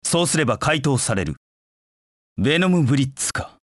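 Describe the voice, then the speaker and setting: Voicing a brooding young rival, a proud and cold anthropomorphic hedgehog knight from a Japanese video game, an actor speaks in a mid-range voice that is very animated yet close to everyday speech, at normal speed. His delivery is curt and disdainful, cool and watchful, captured in a dry, clean studio recording.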